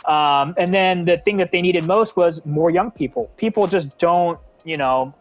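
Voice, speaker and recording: Being interviewed about his nonprofit, this young Bay Area man speaks at a measured pace in a high-pitched voice. He's earnest and casual, often restarting sentences and leaning on fillers.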